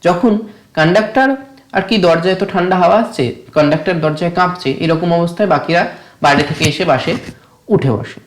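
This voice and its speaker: A woman teacher with a Bengali accent works through an English text. She reads each English line slowly and deliberately, then explains it at length in Bengali, often pausing to ask whether her students have understood. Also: on the low side. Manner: often asks "ঠিক আছে?" to check understanding.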